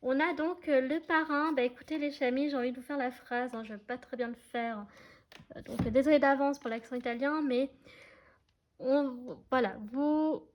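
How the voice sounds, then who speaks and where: A woman does a casual tarot reading for her viewers, talking to them directly in a chatty, hesitant way with plenty of fillers and frequent checks that they're following. Her voice sits high, with fairly even intonation and a fairly quick pace.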